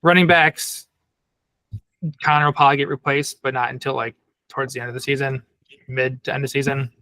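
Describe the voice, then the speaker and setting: A man's voice: mid-range voice, little pitch movement, a little fast, bright, forceful tone, dry recording. A man appearing as a guest on a sports podcast, talking loosely and hedging with fillers. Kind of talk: casual chat.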